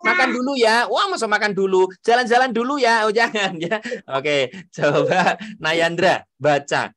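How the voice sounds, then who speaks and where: A man's voice: sits high, measured pace, sharp tone, dry recording, studio quality. A young man teaching children, enunciating carefully, playful and encouraging. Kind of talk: children's lesson.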